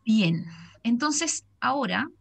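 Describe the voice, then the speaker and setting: A woman's voice: a little high, takes it slowly, gravelly, background noise. Chatty Chilean woman moderating a call. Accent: Chilean Spanish. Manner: lively, chatty, reads chat comments aloud. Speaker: session moderator. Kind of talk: warm moderating of a video call. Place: small bright office indoors. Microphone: laptop webcam mic on a video call.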